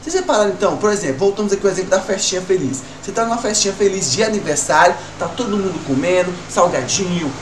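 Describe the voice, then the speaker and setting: Lively male teacher, echoey room. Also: high voice, fast talker, few pauses, recorded from a distance. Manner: lively, talks to pupils as "gurizada", asks and answers his own questions. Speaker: music teacher. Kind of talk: recorded online class for kids. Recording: roomy, from off-mic, faint room noise.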